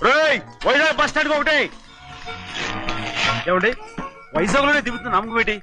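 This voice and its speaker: An actor playing the master's loyal friend, giving dry, short replies in a film scene. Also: male voice, very high voice, expressive, a little fast. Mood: exasperated. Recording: film soundtrack with music behind.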